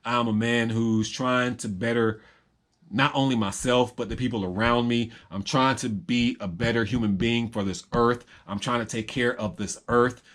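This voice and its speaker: A man's voice: mid-range voice, fairly even intonation, normal speed, a bit bright. A young man in a rambling, reflective personal monologue to camera, full of ums and repeated phrases. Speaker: vlogger.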